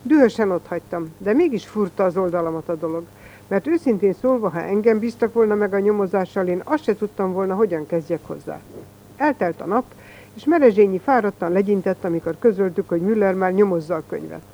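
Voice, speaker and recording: Storybook reader, plain even telling, mellow dark tone, slightly dull lo-fi recording. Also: medium pitch. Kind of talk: storybook narration.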